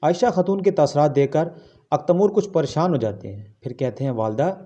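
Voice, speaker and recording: A man narrates a drama recap with a lively, swinging delivery. His voice sits a little high, with a warm, dark tone. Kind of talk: scripted story recap.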